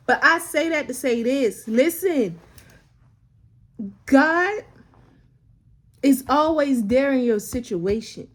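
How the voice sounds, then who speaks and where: A woman's voice: sits high, expressive, takes it slowly, long pauses. A woman, sharing a personal faith story in a casual, emotional way, close to tears and repeating phrases for emphasis. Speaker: vlogger sharing a faith testimony.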